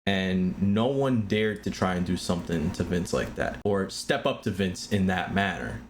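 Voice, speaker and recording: A man's voice: sits low, normal speed, slight background noise. A man, a pro wrestler guest, chatting casually and giving strong opinions on a podcast. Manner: opinionated, animated when mimicking others.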